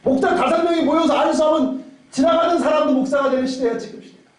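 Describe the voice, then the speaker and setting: Male pastor with a very high voice, emphatic sermon full of rhetorical questions, picked up from far back in a cavernous church hall. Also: fast. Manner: emphatic, with many rhetorical questions and repeated phrases. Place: church sanctuary.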